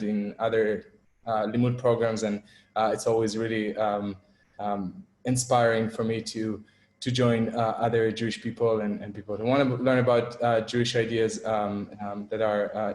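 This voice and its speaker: A man's voice: lowish voice, a little mellow, roomy sound. A young man from Israel giving an online talk as guest speaker, hesitant, with many fillers and restarts.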